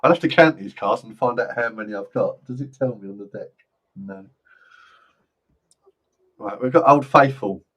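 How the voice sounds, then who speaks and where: A man doing live psychic card readings in a gentle, reassuring and jokey way. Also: fairly low pitch. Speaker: psychic reader.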